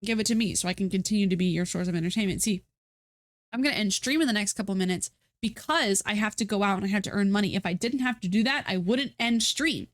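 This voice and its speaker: Chatting on a live stream from home, a stuffy-nosed woman speaks at a quick pace in a mid-pitched, slightly stuffy voice. Her talk rambles, restarts, and is packed with fillers and self-mocking remarks. The recording sounds close and dry, with no room echo.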